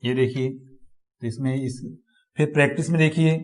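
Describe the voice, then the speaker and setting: A man's voice: medium pitch, steady tone, normal speed. A man giving a step-by-step lecture, repeating each example word as he explains. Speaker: teacher. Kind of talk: classroom lecture on phonetics.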